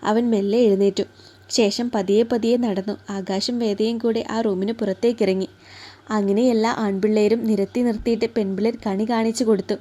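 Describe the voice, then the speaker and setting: A woman storyteller reading a romance story aloud in a soft, even manner. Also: mid-range voice. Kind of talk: scripted narration of a romance story.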